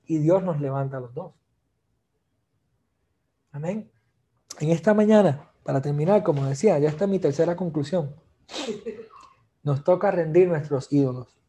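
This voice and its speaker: A man preaching a sermon in earnest, lowering his voice to speak prayers and now and then dropping in English phrases. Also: normal speed, long pauses, dark tone. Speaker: pastor. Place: church service.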